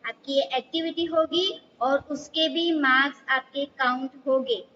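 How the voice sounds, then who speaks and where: A woman's voice: high voice, moderate pace, pushed and bright, long reverb tail, lo-fi sound, slight background noise. A woman teacher giving a class lesson, patiently drilling letter sounds one by one.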